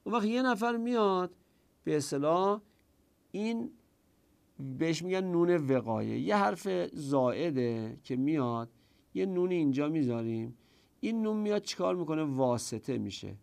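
Gravelly-voiced man teaching a lesson. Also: fairly high pitch, lively intonation, a little mellow. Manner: explains step by step, often asks and answers his own questions; quotes and recites passages in Arabic. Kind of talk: classroom grammar lesson.

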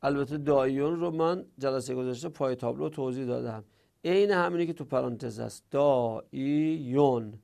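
A man with a gravelly edge to his voice teaches a grammar class in a classroom. He goes through the rules one by one and voices the questions his students might ask, then answers them himself. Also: mid-range voice, darkish tone. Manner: explains step by step, asks and answers imagined student objections.

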